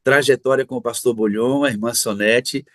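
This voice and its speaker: A man's voice: medium pitch, fairly even intonation, normal speed, no echo. A middle-aged man from Brazil interviewing a pastor in a church setting, effusive and often laughing.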